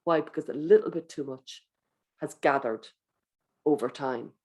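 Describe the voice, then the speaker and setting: A speaker giving a wellbeing talk to teachers in a gentle, coaching manner, guiding breathing exercises and acting out inner thoughts. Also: medium pitch, moderate pace. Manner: acts out inner thoughts in quoted voices.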